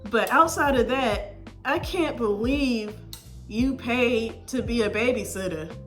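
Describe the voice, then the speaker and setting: A woman's voice: on the high side, slow pace, faint music behind. A woman hosting a reaction video, giving casual advice in a friendly tone and calling the viewer baby. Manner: warm, advising tone, calls the viewer baby.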